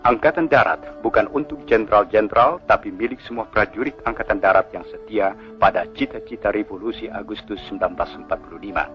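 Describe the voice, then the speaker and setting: A man from Indonesia reading an official statement in the formal, solemn, measured style of an old 1960s radio news bulletin, like a newsreel announcer. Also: fairly low pitch. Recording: muffled 1960s archival radio broadcast, music behind.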